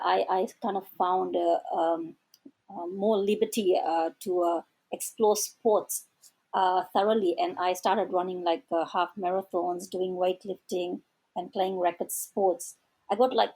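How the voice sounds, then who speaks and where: Woman, middle-aged, Indo-Fijian accent, mellow and breathy, hesitant reflective interview guest. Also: on the low side, low-quality recording. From Fiji. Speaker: interview guest, doctoral researcher.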